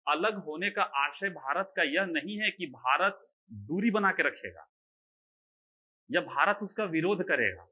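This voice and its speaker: Male teacher, online class, bright sharp voice a bit high, keeps asking "you get me?" then answers himself. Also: husky, poor audio. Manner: explains by asking questions and answering them himself; keeps checking that students understand. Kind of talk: online exam-prep lecture.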